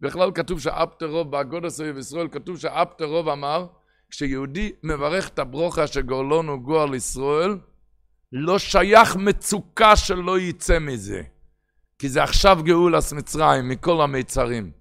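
A man delivers a storytelling sermon, his voice gravelly and slightly high. He shifts between hushed asides and loud, animated exclamations. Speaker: preacher.

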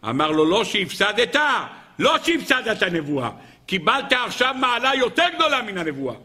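A man giving an animated Torah lecture to an audience, acting out quoted dialogue and asking rhetorical questions. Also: high voice.

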